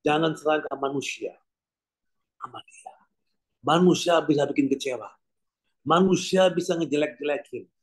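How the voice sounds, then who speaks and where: A man's voice: a little high, normal speed, pauses often, rough recording. A man preaching an evangelistic sermon over a video call, telling a story and closing in prayer, repeatedly addressing listeners as brothers and sisters.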